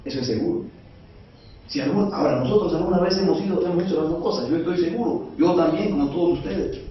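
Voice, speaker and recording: A man's voice: on the high side, fast talker. Echoey male preacher. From Bolivia. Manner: conversational, asks the congregation rhetorical questions. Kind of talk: sermon. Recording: echoey, dull sound from far off.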